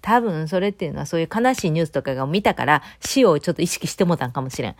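A woman's voice: sits low, racing, no echo, studio quality. A middle-aged woman with a Kansai Japanese accent talks casually on her own at home, rambling through stories with many fillers. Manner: chatty, rambling, lively storytelling with many fillers. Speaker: vlogger. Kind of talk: casual solo chat.

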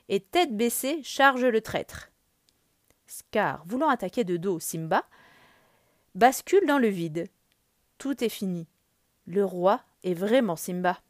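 A woman narrating a children's storybook in an expressive, animated read-aloud. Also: mid-range voice, dry recording, clean studio sound.

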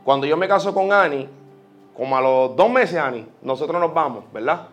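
High-voiced Puerto Rican preacher. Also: male voice, normal speed, highs cut off, soft background music. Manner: lively, personal storytelling with quoted prayers. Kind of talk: sermon. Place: church.

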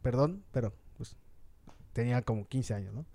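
Speaking in fast, slangy casual chat, a Mexican man with a Mexican accent tells a story and acts out the lines of the people in it. His voice is mid-range with a dark tone.

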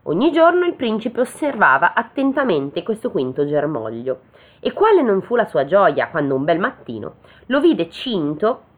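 A woman's fairly low, sing-song voice carries a slow, casual reading of a fairy tale, punctuated by joking, chatty asides. The sound is tinny, much like a phone.

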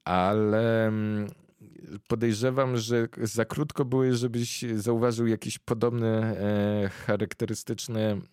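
Low-voiced young man, dry close sound. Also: flat delivery, darkish tone, clean tone, no room sound. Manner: thoughtful, pauses often to search for words. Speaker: podcast host interviewing a guest. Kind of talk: casual conversational explanation.

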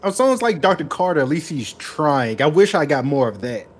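A man's voice: on the high side, big pitch swings, normal speed, slightly rough. A man co-hosting a casual podcast chat, speaking in a dry, sarcastic way. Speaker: podcast co-host.

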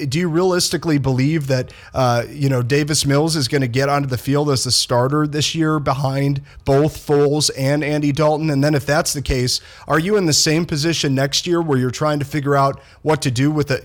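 A male sports co-host giving conversational commentary, repeating words as he reasons things through. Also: medium pitch. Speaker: sports show co-host and analyst.

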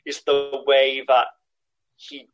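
A man's voice: medium pitch, monotone, slow, highs cut off, faint music behind. Man musing in casual chat. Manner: thoughtful, lots of "like" and "um". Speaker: podcast co-host.

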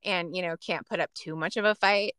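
A woman co-hosting a casual chat podcast, chatty and quick to exclaim and laugh along. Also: on the low side, steady tone, sharp tone, clear, resonant tone, dry recording. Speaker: podcast co-host.

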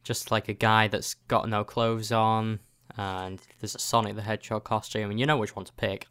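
A man with a lowish, smooth, resonant voice chats casually. He keeps a deadpan, mock-serious tone and piles on rhetorical questions. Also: moderate pace. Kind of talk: casual chat.

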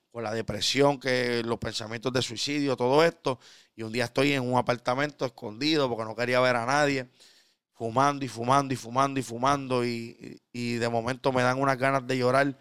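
A man in his thirties with a Puerto Rican accent, a preacher telling his conversion story earnestly and sometimes dropping to a hush. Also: mid-range voice, clean tone, no room sound, clean studio sound. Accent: Puerto Rican Spanish. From Puerto Rico. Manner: earnest storytelling, drops to a hushed tone for intimate moments. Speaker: preacher guest. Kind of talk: conversational testimony.

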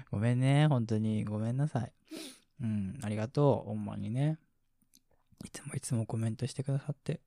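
A man with a Kansai Japanese accent hosts a relaxed late-night sleep radio show, reading listener comments in a soft, mumbly, slightly slurred voice. He chuckles quietly and drifts into near-whispers, at medium pitch and moderate pace with long pauses, in a dry, clean studio recording.

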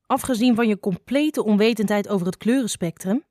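A woman's voice: medium pitch, fairly quick, mellow, dry recording, studio quality, natural voice. Woman reads as young girl snake: prickly, blunt, curt, storybook. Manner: direct, curt.

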